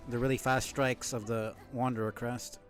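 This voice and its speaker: A man streams a game live, speaking at medium pitch in an even tone and normal speed while faint music plays behind him. He muses aloud as he plays and chats casually with his viewers.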